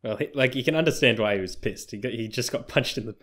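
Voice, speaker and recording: A man's voice: medium pitch, quick pace, a bit bright. A man co-hosting a podcast in laid-back, jokey casual chat. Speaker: podcast co-host.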